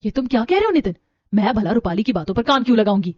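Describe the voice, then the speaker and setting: A man voicing a nosy, defiant sister-in-law in an animated story, snappy and defensive. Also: high-pitched, very fast, dry recording, voice pushed up. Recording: dull lo-fi with music.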